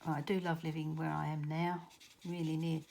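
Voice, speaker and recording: A middle-aged woman with a southern English accent talks through a card-making tutorial in a casual, rambling way, often stopping to correct herself. Her voice sits low and carries a gravelly fry. Faint noise hums under the recording. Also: little pitch movement, a little fast, dark tone. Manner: chatty, rambling, self-correcting.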